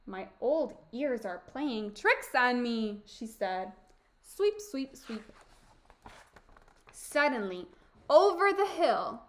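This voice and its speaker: Slow, high-voiced woman reading a storybook. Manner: slow, expressive, emphatic reading. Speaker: teacher. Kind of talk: storybook read-aloud.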